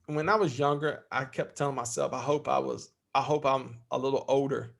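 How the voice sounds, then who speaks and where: A man's voice: mid-range voice, fairly even intonation, a little fast, gravelly. A middle-aged man speaking as a podcast guest in candid interview talk, heartfelt and freely swearing.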